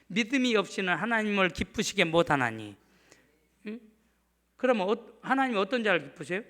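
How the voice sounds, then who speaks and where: High-voiced preaching male pastor. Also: big pitch swings, normal speed, pushed and bright. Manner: emphatic preaching, often prompting the congregation. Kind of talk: sermon. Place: church sanctuary.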